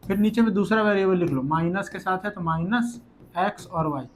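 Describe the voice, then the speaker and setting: A young man teaching school maths for exams in a quick, chatty way, repeating each step. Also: sits high, a little hiss or hum. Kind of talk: exam-prep maths lesson.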